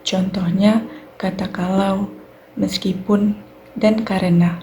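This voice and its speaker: A young woman with an Indonesian accent, a university student giving a clear, methodical recorded class presentation on sentence structure. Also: mid-range voice, fairly even intonation, takes it slowly, dark tone, slight background noise. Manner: clear explanatory delivery, fillers like "nah" and "baik".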